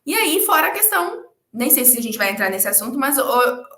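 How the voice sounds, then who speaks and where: Woman, lively swinging pitch, fairly high voice, roomy echo, expressive guest chat. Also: brisk. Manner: expressive, stammers and repeats words, quotes herself. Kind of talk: animated casual conversation.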